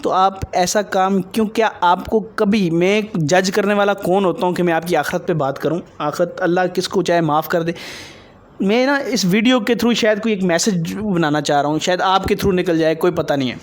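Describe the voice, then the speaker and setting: A man interviewing a dancer for his video, probing her and lecturing her on religion and morals. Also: sits high.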